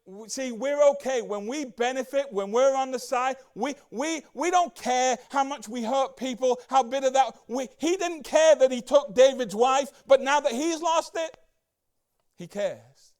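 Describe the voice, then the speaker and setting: A man preaching a casual Bible-study sermon as a church pastor, chatty and excitable, full of rhetorical questions and asides. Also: very high voice, measured pace.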